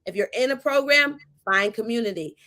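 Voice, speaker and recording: Lively woman podcast co-host. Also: a little high, a little fast. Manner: lively, emphatic, playful. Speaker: podcast co-host, recent doctorate. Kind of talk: casual podcast chat.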